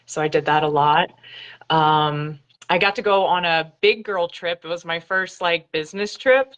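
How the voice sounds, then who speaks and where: A woman's voice: lowish voice, normal speed, fairly bright tone. A woman from North Carolina, a guest practitioner on a video call, thoughtful and hesitant with frequent giggles. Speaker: guest, body talk and IFS practitioner. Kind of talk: casual interview chat. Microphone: remote video call. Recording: dull lo-fi video-call audio.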